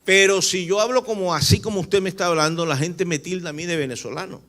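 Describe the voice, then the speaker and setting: A preacher and apostle from Barranquilla, speaking with a Colombian Caribbean accent, delivers a teaching sermon in a high, fairly bright voice at a quick pace. He's emphatic, repeats his points, and puts rhetorical questions to his listeners.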